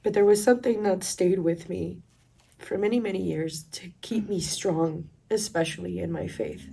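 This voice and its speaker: A woman from Colombia sharing a personal faith testimony in a reflective, earnest way, with pauses. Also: on the low side, vocal fry, a little hiss or hum. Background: soft instrumental music.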